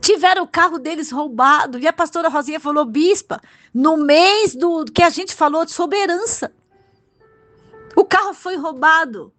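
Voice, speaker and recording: Brazilian woman preacher, high voice, fervent and emotional, bursts of exclamation. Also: normal speed, fairly bright tone, faint music behind. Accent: Brazilian Portuguese. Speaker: bishop preacher. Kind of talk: sermon.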